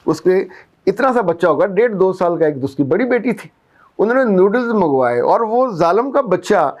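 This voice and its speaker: Man, Pakistani Urdu accent, a bit high-pitched, an earnest life coach talking viewers through everyday examples. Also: darkish tone. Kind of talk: advice talk to viewers.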